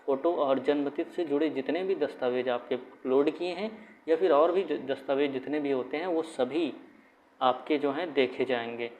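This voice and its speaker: A man of ordinary pitch talks candidates through an exam process in a loose, conversational way. He repeats points and restarts phrases as he goes. The recording sounds muffled and lo-fi, with a faint background hiss. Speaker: exam guidance YouTuber. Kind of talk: casual explainer talk to camera. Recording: dull lo-fi sound with faint room noise.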